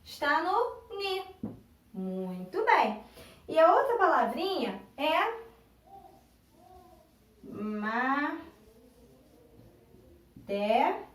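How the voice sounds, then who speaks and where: Brazilian woman teacher, high voice, slow patient delivery, echoey room, mic far off. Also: big pitch swings. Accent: Brazilian Portuguese. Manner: patient, spells out syllables slowly and repeats words. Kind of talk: recorded online classroom lesson.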